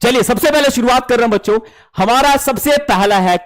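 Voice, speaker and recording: A man teaching an online class, lively and animated, mixing Hindi and English. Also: extremely high pitch, fairly quick.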